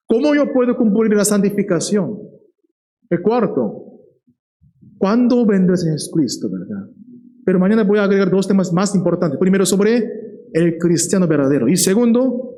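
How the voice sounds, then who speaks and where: High-voiced man preaching a sermon. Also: poor audio. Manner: lively, checks in with the listeners, often asking "¿verdad?".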